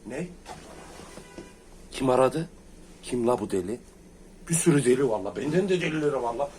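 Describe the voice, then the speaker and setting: A man's voice: mid-range voice, expressive, moderate pace, darkish tone. A man telling rowdy childhood school stories in casual chat with friends, laughing often and acting out the old exchanges. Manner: boisterous storyteller, laughs often. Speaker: comedian recalling school days. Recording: distant mic, faint background noise.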